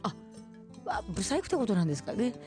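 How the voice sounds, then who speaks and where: Brisk woman host with Kumamoto dialect. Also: medium pitch, very animated, warm tone, soft background music. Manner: brisk, laughing, playful banter. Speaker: radio host reading listener mail. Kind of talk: lively casual radio chat.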